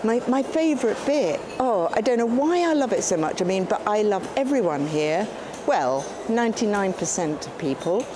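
A performance artist with an English accent narrates her own outing as a spontaneous audio diary, talking to herself in an excitable, exclamatory way at medium pitch and moderate pace. She moves between a car and shops outdoors, and the distant mic picks up loud traffic, vehicle and street noise.

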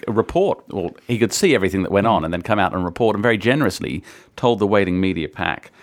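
A man's voice: low voice, animated, fast talker. A man talking as a media journalist in casual chat, telling gossip in a knowing way.

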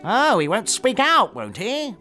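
Guy putting on a nasty sneering magistrate, high and loud, barking orders. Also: huge pitch swings, measured pace, faint music behind, full character voice. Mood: bullying. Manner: barking, contemptuous. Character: harsh, sneering, bullying male magistrate.

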